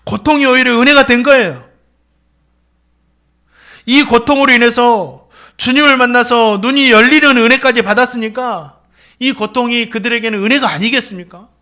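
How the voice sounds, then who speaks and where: A man's voice: extremely high pitch, moderate pace, sharp tone. A male pastor preaching a sermon with dramatic delivery, acting out the voices of the people he quotes. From South Korea.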